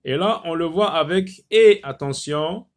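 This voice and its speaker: A man teaching a phonics lesson to children, slowly repeating each word and stressing its syllables. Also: on the high side. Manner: slow, deliberate, repeats words syllable by syllable.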